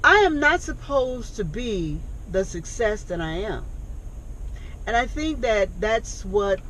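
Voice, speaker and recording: A woman in her sixties speaks in a casual conversation, earnest and emphatic, pressing her points with pointed questions. Her pitch swings widely and expressively. Faint street sound sits behind her. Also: big pitch swings, slow pace, a bit bright, a little hiss or hum, poor audio. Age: 60s. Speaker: thrift store owner and reentry program founder.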